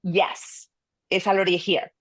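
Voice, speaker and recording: Woman host, Spanish first language, chatty and halting, dry close call audio. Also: fairly low pitch, flat delivery, fairly bright tone, no echo, low-quality recording. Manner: hesitant, restarts often, friendly. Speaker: meeting host. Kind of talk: online meeting chat. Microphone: video call.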